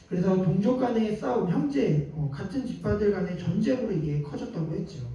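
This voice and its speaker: A man's voice: fairly high pitch, mellow. A man preaching a sermon to a young adults' group in a conversational way, often turning to the congregation with questions. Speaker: pastor. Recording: echoey hall, distant mic, dull lo-fi.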